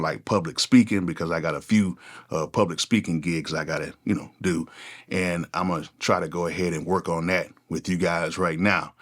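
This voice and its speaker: A music producer in his forties who hosts a channel talks straight to camera in a single unscripted take. His voice is deep and low, and he keeps it relaxed and conversational, often repeating "go ahead."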